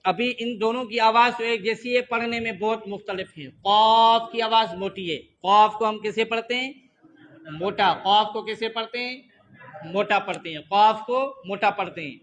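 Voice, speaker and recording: High-voiced man teaching letter sounds. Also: a little hiss or hum. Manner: demonstrates letters loudly, drawn out, then explains calmly. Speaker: Quran recitation teacher.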